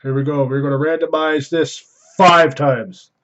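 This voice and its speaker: Dull-sounding man hosting casual card breaks, higher-pitched. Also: fairly even intonation, normal speed, a bit bright. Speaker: host of hockey card box breaks. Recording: dull, lo-fi microphone.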